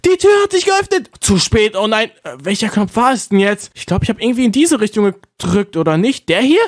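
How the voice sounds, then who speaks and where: Excitable guy narrating a game run, voice bounces all over, keeps going oh no oh no. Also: high-pitched, brisk, dry recording, clean studio sound. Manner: animated, frequent worried exclamations. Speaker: gaming video host. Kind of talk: excitable scripted game commentary.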